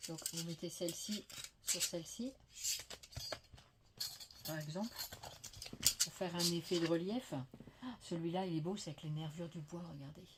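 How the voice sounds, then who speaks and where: A woman's voice: lowish voice, normal speed, long pauses, heavy background noise. A French woman vlogging a crafting haul, chatting and gushing with many fillers, her voice slightly veiled from a lingering cough. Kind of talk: casual show-and-tell haul. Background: faint clatter of dishes.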